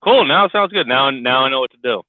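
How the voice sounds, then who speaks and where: A man's voice: medium pitch, animated, quick pace, no echo. Man ranting over a tinny CB-radio-like headset. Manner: sarcastic, swears constantly, gets loud and fired up. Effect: sounds like a tinny CB radio over his headset. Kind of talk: casual profane rant. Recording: tinny dry lo-fi headset line.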